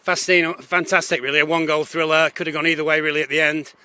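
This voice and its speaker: A male head coach giving an upbeat post-match interview outdoors, his voice going hoarse. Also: a little high, little pitch movement, very fast, bright, forceful tone. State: losing his voice.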